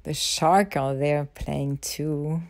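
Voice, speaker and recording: Slow, intimate woman speaking right in your ear. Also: low-pitched, steady tone, gravelly, no echo. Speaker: guide of a self-love ritual. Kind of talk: intimate guided visualisation, spoken softly to a partner.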